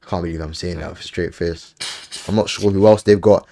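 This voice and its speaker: A man hosting a casual football podcast, briskly running through lists and giving offhand opinions. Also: sits low, fairly even intonation, gravelly, warm tone. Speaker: podcast host.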